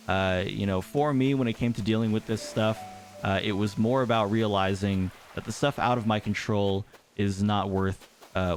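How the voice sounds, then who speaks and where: A young man with a fairly low voice talks through his thoughts in a relaxed, meandering way, often pausing on "uh" and restarting his sentences. Soft music plays quietly underneath. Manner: thoughtful, rambling, many fillers and restarts. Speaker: gaming YouTuber. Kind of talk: reflective casual talk over gameplay.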